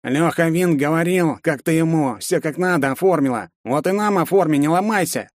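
A man's voice: on the high side, normal speed, no room sound, clean studio sound, pitched above the performer's own voice, natural voice. A man voicing a nasal, menacing red-haired young male street thug in an audiobook. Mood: mocking. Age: young adult. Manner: menacing, mocking. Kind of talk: audiobook character voice.

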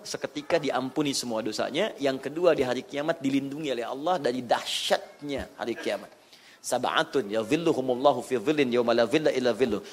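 A man preaching a sermon, animated and informal, swinging between loud emphatic bursts and soft low asides, with occasional laughter. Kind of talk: sermon with audience questions.

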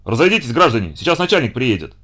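A man voicing a loud, bossy policeman who barks out questions and orders. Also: medium pitch, very animated, quick pace. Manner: barking orders.

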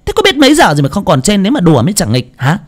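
Sharp-tongued village aunt, shrill and very high, played by a man. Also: big pitch swings, exaggerated voice. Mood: scolding. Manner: scolding, nagging, rapid-fire.

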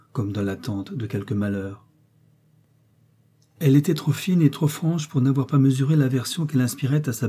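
A man narrates a classic novel aloud as an audiobook reader, delivering scripted literary narration in a measured, even storytelling style. His mid-range voice is slightly rough.

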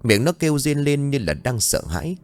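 A man telling a horror story in expressive, scripted narration. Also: mid-range voice, normal speed, soft background music.

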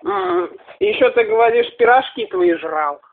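High-voiced male prank caller, tinny line. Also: big pitch swings, a little slow, vocal fry. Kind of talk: casual, needling phone chat. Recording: noisy, tinny phone line.

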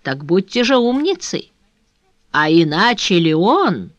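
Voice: mid-range voice, very animated, takes it slowly, fairly bright tone, dry recording, highs cut off. Reader doing a cunning male villain, cold commands, false friendliness, audiobook character, dry close sound. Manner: cold, insistent, feigning friendliness. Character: sly male abductor, coldly commanding. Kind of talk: audiobook reading.

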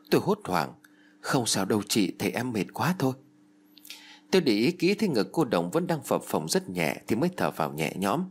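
A man reading a first-person novel aloud as an audiobook narrator, telling it expressively. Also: mid-range voice. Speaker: audiobook reader.

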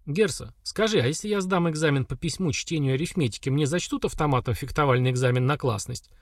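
A man voicing a calm, blunt young woman fighter who speaks curtly and matter-of-factly. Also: a little high, fast talker, no echo, studio quality. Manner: curt, matter-of-fact.

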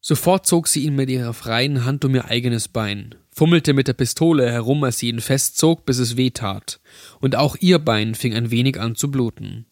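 A man calmly narrating a scripted horror story, recorded close to the mic. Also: medium pitch, moderate pace, dry recording.

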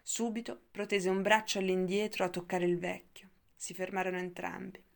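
A woman reading a novel aloud in a calm, measured narration. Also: lowish voice, creaky. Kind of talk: audiobook narration.

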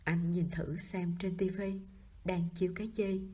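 A woman narrates a novel in a very breathy, hushed voice, and at times she sinks almost to a whisper. Her tone is dark and mellow, and her pitch sits in the middle. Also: little pitch movement, unhurried. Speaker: audiobook narrator.

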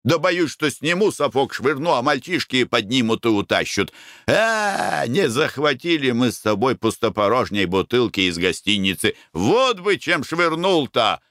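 A man voicing a coarse, rowdy middle-aged merchant who shouts and curses boisterously. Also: mid-range voice, sing-song, a little slow, no room sound, studio quality. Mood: gleeful scheming.

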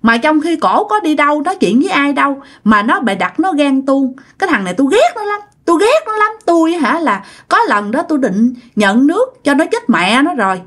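A resentful wandering ghost of a child who was never born, as a woman storyteller puts him on, speaks with a Southern Vietnamese accent. His voice sits high and thin, and he circles back over the same plaintive words again and again. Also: big pitch swings, normal speed, hardly any pauses, a bit bright. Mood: spiteful. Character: jealous wandering male spirit of an unborn child.

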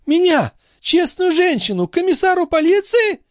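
A squealing, wheedling old concierge woman, as a man puts her on, her voice leaping high with sugary indignation. It soars and swoops through a wide range. The recording is dry and close. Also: sing-song, moderate pace, dry recording. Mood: shrill indignant. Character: shrill wily old female concierge.

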